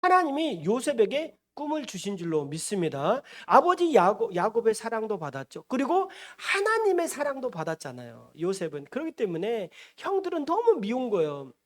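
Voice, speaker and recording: A man preaching as a pastor, retelling a scripture story in a lively way and acting out the characters as he goes. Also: high-pitched, normal speed, few pauses. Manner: animated, acts out the characters he describes. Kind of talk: storytelling sermon. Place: church.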